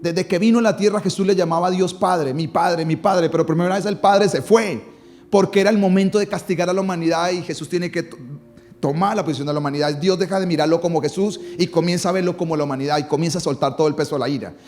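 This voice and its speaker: Man, pastor, dramatic sermon, rising and falling emphasis, slightly high voice. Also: steady tone, fast talker, a little mellow, a little hiss or hum.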